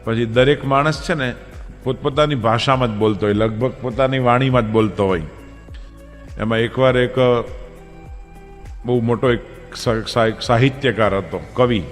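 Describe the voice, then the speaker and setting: A man's voice: medium pitch, normal speed, in a large hall, soft background music. A man with a Gujarati accent, a monk telling humorous stories in a religious discourse, acting out characters with changing voices. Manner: acts out characters with shifting voices. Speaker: monk storyteller.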